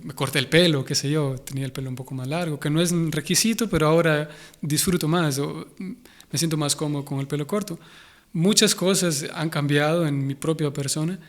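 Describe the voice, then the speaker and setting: A young man with a Honduran Spanish accent, a guest in an interview, speaking thoughtfully and often restarting as he searches for words. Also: a little high. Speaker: interview guest, Hare Krishna devotee. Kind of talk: conversational interview.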